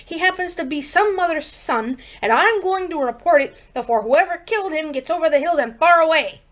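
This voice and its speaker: A woman's voice: extremely high pitch, lively intonation, a little fast, fairly bright tone, voice pushed up. A woman reading aloud, voicing a stubborn, short-tempered husband who talks bluntly and impatiently. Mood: stern.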